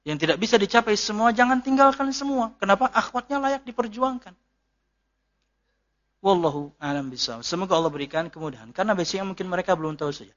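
Bright-voiced jokey preacher. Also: male voice, high-pitched, lively intonation, quick pace. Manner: jokey, chatty, laughs at his own jokes. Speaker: ustadz, Islamic preacher. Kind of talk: casual religious lecture with Q&A. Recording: dull lo-fi lecture recording.

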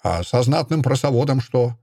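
A man playing a gloomy male newspaper editor who asks clipped, quick questions. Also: medium pitch, lively intonation, gravelly, warm tone, dry recording, studio quality. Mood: sharp.

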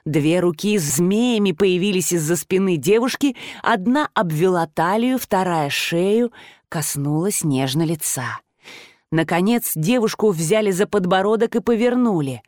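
A woman reading first-person fiction aloud in an expressive, dramatic manner. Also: lowish voice, a little slow, no echo, studio quality. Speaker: audiobook narrator.

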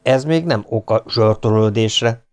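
A man's voice: fairly low pitch, darkish tone, clear, resonant tone, lightly acted. A man reading an audiobook, voicing a polite, earnest aristocratic legionnaire. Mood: dry. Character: determined young aristocratic male legionnaire. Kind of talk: audiobook character voice.

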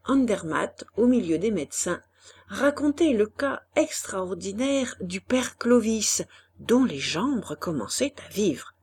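A woman reading a classic novel aloud in a measured, expressive way. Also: mid-range voice, breathy edge. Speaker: audiobook reader.

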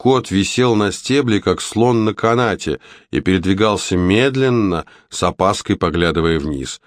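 Audiobook narrator, man, animated storytelling, low-ish, dry booth sound. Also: normal speed, dry recording.

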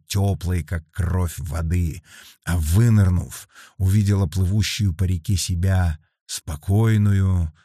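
Male audiobook narrator, deep and mellow, measured reading, dry close sound. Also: no room sound. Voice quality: slow, measured, pausing reading.

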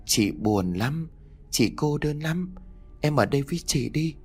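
A man voicing the ghost of a lonely young woman, speaking slowly and softly to coax her younger sister. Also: fairly high pitch, lively intonation, breathy edge, faint music behind, pitched above the performer's own voice, heavily acted. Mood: eerie coaxing. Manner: slow, hushed, coaxing.

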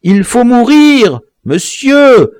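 A man playing a shrill, frantic cornered colonist. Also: big pitch swings, drawn-out words, a little mellow, smooth, no echo, clean studio sound, full character voice. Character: desperate male colonist turned killer.

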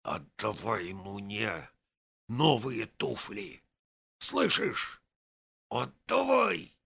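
A man doing a shrill upset boy. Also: huge pitch swings, drawn-out words, gravelly, fairly bright tone, slightly rough, exaggerated voice. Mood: agitated.

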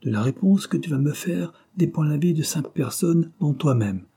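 A man's voice: fairly high pitch, animated, normal speed, dark tone, breathy edge, pitched above the performer's own voice. A man voicing a jealous man who threatens and blackmails a young woman, in a hard, mocking tone. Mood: threatening.

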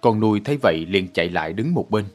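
A man reading a story aloud with steady, measured narration. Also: fairly low pitch, over loud music.

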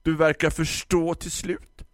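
A man's voice: fairly high pitch, level tone, no echo, clean studio sound, pitched above the performer's own voice, lightly acted. Man doing a snappish grumpy woman florist. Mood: smug, dismissive. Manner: snappish, huffing and impatient. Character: grumpy middle-aged woman florist, curt and irritable.

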